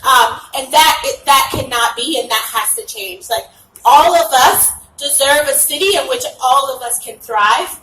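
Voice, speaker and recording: A woman's voice: high-pitched, unhurried. A woman running for office gives an earnest speech at a rally, out of breath and often saying "um". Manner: earnest, frequent "um" fillers. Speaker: candidate speaking at a rally. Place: outdoor rally stage. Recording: echoey, distant, noisy outdoor recording.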